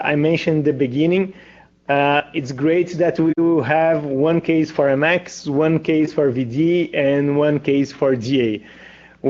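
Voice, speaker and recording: A man leads an online meeting over a video call, his pitch a little raised. He talks slowly and haltingly, with frequent pauses. The audio is muffled and lo-fi. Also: darkish tone. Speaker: meeting moderator. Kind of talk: hesitant business presentation.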